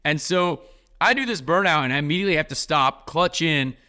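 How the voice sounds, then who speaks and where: A man's voice: a little high, lively intonation, fairly quick, pushed and bright. A man hosting a podcast, telling a long casual story with lots of "like" fillers. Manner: rambling, heavy use of "like". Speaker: podcast host.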